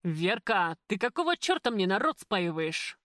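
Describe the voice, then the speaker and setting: A woman voicing a crude, pushy male restaurant boss in an audiobook, gruff and wheedling by turns. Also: on the low side, fairly even intonation, brisk, no echo, studio quality, close to an everyday voice. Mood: stern. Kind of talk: audiobook character voice.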